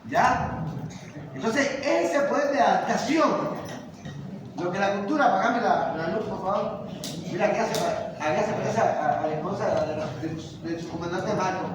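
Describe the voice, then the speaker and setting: Cuban-born male teacher, high voice, emphatic lecturing full of rhetorical questions; distant, very echoey classroom recording with noise. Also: normal speed. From Cuba.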